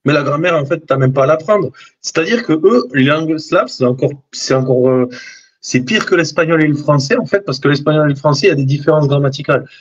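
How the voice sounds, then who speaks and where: A man's voice: fairly high pitch, fast talker. A man speaking as a guest over a video call, his voice dull and lo-fi. He talks in a hesitant way, full of fillers and restarts. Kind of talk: casual chat.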